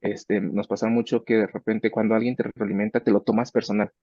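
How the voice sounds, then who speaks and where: A man's voice: lowish voice, flat delivery, fairly quick, mellow, no echo. A man speaking conversationally about mentoring research students, often acting out what he and his students say to each other. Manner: conversational, acts out student dialogues. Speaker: research professor. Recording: dull, dry sound.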